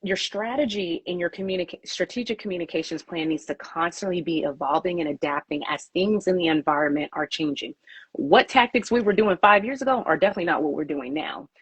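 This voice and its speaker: A woman's voice: fairly low pitch, a little fast, breathy edge, no echo. A woman publicist answering interview questions, emphatic and repeating her key points.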